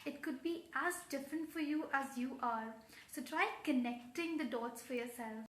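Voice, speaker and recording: A young woman with an Indian accent speaks in a high voice, with the poised, earnest delivery of a pageant contestant answering judges. She is giving instruction in a formal, carefully worded way. The sound is roomy and echoing. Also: moderate pace, a bit bright. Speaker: pageant coach giving tips.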